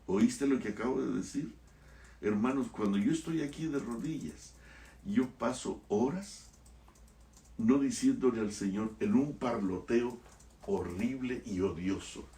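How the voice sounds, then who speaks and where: A male pastor preaching a sermon, impassioned, swinging from hushed lines to loud exclamations. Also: lowish voice, echoey room, far from the mic.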